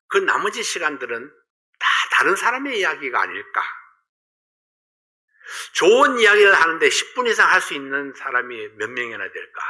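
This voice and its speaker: Bright, animated male preacher. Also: on the high side. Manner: rhetorical questions, swings between loud emphasis and hushed asides. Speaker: pastor. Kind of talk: sermon.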